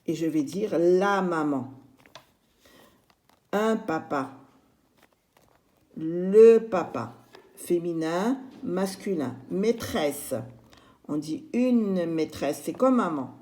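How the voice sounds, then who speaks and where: Slow, mellow-voiced woman teaching children. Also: medium pitch. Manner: slow, patient, repeats and stretches each word. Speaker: primary school teacher. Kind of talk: recorded classroom lesson for young children.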